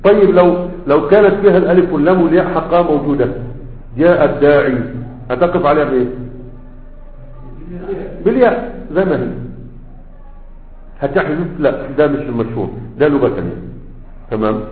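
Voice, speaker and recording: A man's voice: fairly high pitch, fairly quick, pauses often. A man with an Egyptian Arabic accent teaching a grammar lesson, constantly quizzing his students with half-finished questions and checking they follow. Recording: echoey room over a tinny, phone-like line.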